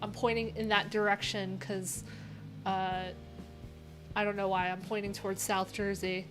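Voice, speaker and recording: This American woman in her thirties speaks in a mid-range voice with little pitch movement and a measured pace. She's a livestream host rambling wryly and informally as she reads through docs, with background music in a small, cluttered room.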